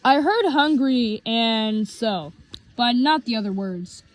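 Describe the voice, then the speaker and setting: A woman reading her own homemade story aloud, in a halting way with restarts. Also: a little high, expressive, no echo, soft background music.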